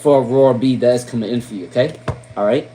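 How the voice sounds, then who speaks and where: A mellow, medium-pitched man talks fast, with a little hiss or hum behind him, during a casual tarot live stream. His Long Island accent comes through as he chats, leans on "um," repeats names and questions, and closes points with "okay?" and "all right?"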